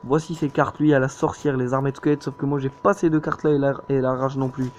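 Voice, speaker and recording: A man's voice: medium pitch, little pitch movement, quick pace, darkish tone. A young man, commenting casually on his gameplay, hesitant and full of fillers. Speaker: gaming YouTuber. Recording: dull lo-fi mic with faint noise.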